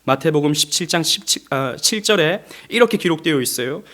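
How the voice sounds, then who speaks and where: Man, middle-aged, from South Korea, pastor, Sunday sermon, slightly high voice, gentle turning emphatic. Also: expressive, fairly quick. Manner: gentle, rising to emphatic, acts out quoted speech. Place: church sanctuary.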